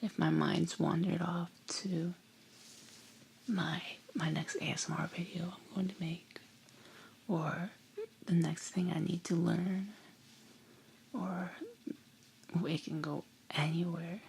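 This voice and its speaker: A woman gently whispering an ASMR bedtime talk close to the ear, in a breathy, hushed, soothing and unhurried way. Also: on the low side, steady tone, slight background noise. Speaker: ASMR creator and host.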